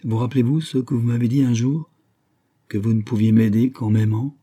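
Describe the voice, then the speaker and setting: A man reading the lines of a weary, resigned young woman in an audiobook, softly and without changing his own voice much. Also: mid-range voice, steady tone, brisk, lightly acted. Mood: gentle.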